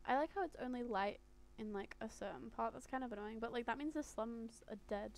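Excitable high-voiced woman streamer. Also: a little fast. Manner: excitable, loud reactions, swears a lot. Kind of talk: live game stream commentary.

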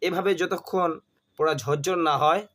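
A man teaching a reading lesson, spelling each syllable aloud and repeating it in a slow drill. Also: fairly high pitch, fairly even intonation, a bit bright.

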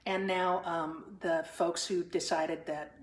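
A woman's voice: lowish voice, flat delivery, slow pace. A woman singer-comedian chatting loosely between songs on her own live stream, with wry asides and plenty of ums. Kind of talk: casual chat between songs. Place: her living room at home. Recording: roomy living room with guitar. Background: guitar.

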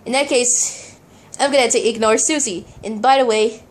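A woman's voice: a little high, moderate pace, lightly acted. A woman voicing an exasperated young woman who rambles on, repeating herself, in an amateur home play. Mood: lecturing. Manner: rambling, repetitive explaining.

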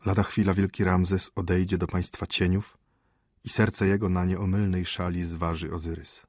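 A solemn old high priest, calm and measured, speaking low and hushed, as a male reader puts him on. The voice is deep and husky, and the recording is dry and close. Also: no echo.

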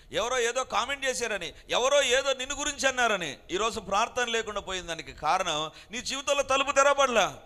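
A man's voice: high-pitched, sharp tone. A man preaching a sermon, emphatic and repeating his phrases, dropping into English lines now and then. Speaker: pastor.

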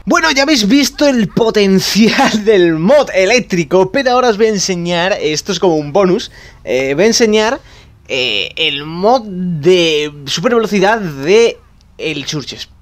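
A young man with a Spain Spanish accent doing animated, excitable game commentary for a video channel. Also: high voice, unhurried. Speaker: gaming YouTuber. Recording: faint background music.

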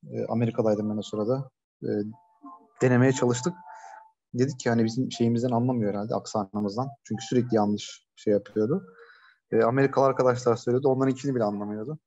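A man's voice: mid-range voice, steady tone, fast talker, a little mellow, muffled recording, a little hiss or hum. A man giving a casual online lecture from a shared coworking space, talking conversationally with many hesitations and fillers. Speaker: webinar presenter.

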